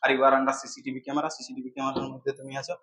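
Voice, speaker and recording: A young man talks quickly and brightly through a chatty travel vlog, filling gaps with little fillers as he guides viewers around a ferry. His voice sits a touch high and sounds close and dry. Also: little pitch movement, no echo. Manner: chatty, guiding, frequent fillers. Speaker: vlogger. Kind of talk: casual travel vlog narration. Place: aboard a ferry at a port.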